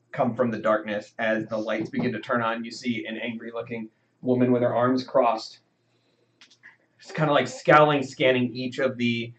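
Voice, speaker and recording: A man's voice: mid-range voice, a bit bright. A man narrating as game master, rambling with lots of fillers. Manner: rambling, full of fillers and hedges. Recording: dull lo-fi sound.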